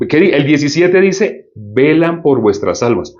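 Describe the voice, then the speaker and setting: A man's voice: fairly high pitch, big pitch swings, measured pace, darkish tone. A man preaching a sermon, often asking the audience questions and repeating points for emphasis. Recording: dull lo-fi sound.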